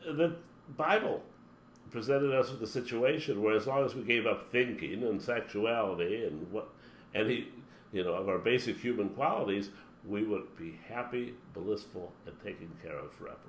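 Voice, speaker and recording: Speaking at an ordinary pace in a lowish register, a man delivers a forceful motivational address as a spiritual teacher, rattling off lengthy lists. There's a roomy echo and a light background hum on the recording.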